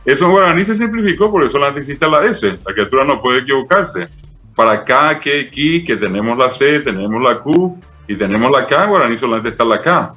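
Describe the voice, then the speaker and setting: Un hombre de mediana edad con acento paraguayo, profesor invitado que explica con paciencia y muchos "eh" y "¿verdad?". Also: male voice, mid-range voice, expressive, fairly quick, pushed and bright, faint music behind. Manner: patient, didactic, many fillers "eh" and "¿verdad?". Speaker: Guaraní language professor, guest. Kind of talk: explanatory interview talk.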